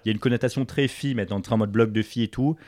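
A young man from Paris talks in a relaxed podcast chat, full of fillers and restarts. His voice sits very low and his words come quickly. The recording is dry and close. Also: no room sound. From Paris, France. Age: young adult. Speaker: podcast guest, entrepreneur. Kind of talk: casual interview chat.

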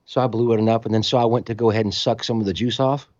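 A man telling a story in casual conversation, animated and acting out other people's voices, in a slightly muffled recording. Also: medium pitch, very fast, no room sound. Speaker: storytelling guest musician.

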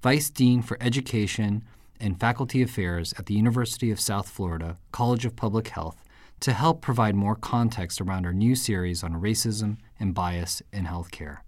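A Japan-born man hosts a podcast interview in a lowish, darkish voice at a moderate pace, with no room sound. He reads a scripted introduction, then asks his questions with a few hesitations.

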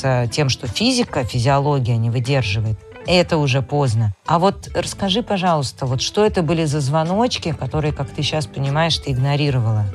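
A man co-hosting a podcast, explaining things in a conversational style. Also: fairly high pitch. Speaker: podcast co-host.

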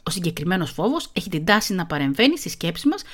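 A middle-aged woman who talks very fast, chatting casually and reading an article aloud, self-mocking and quick to laugh. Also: fairly low pitch, sing-song, fairly bright tone. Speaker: podcast host.

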